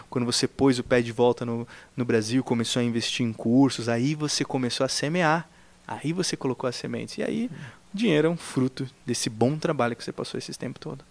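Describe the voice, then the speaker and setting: Male co-host, casual storyteller, gravelly, dry close mic. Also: medium pitch, brisk, no echo. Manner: animated, reenacts conversations, says "cara" often. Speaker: podcast co-host telling his work story. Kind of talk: casual chat.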